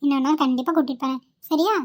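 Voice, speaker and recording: A woman's voice: sits high, fairly even intonation, very fast, darkish tone, close to an everyday voice. A young woman voicing a caring, polite young woman in a cartoon who looks after children and soothes others. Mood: gentle. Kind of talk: cartoon voice acting.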